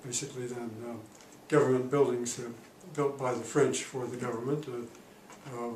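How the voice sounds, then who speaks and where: An elderly man in his eighties, once a diplomat, calmly tells of his past for an oral history interview. He speaks haltingly, frequently stopping with fillers to find words, in a voice of ordinary male pitch. The distant mic picks up a reverberant room and a faint hiss.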